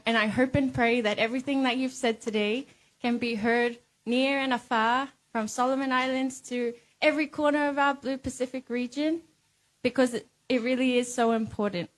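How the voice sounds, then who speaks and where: Female pageant host, high voice, poised and earnest, addressing a live audience from the stage. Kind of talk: live event hosting, addressing contestants and audience.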